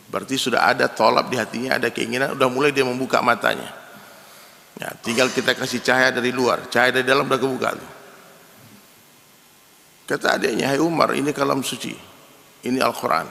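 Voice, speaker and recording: A man preaching a sermon in lively storytelling fashion, often turning to address the men in his audience directly. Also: mid-range voice, gravelly. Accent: Indonesian. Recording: long hall reverb.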